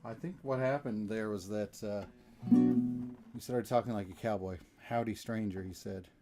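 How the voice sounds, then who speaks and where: A man's voice: on the low side, fairly even intonation, normal speed. A man hosting a music live stream, chatting casually between songs in an easygoing, rambling way with self-deprecating jokes. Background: acoustic guitar.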